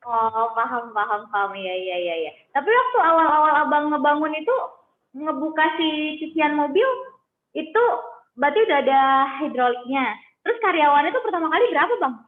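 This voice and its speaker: A woman interviewing a guest casually over a call, with quick, easy back-channel replies. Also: sits high, expressive, echoey room. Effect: heard over a phone line. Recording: narrow tinny phone-like sound.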